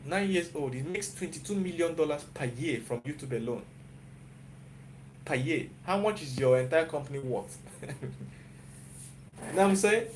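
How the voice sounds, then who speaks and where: A Nigerian-accented YouTuber and software developer speaks expressively at a moderate pace in a slightly high voice, pausing often, during a live-stream pep talk. He urges viewers on in a motivational, repetitive way, checking in with "you get?" again and again. The recording is low quality, with slight background noise.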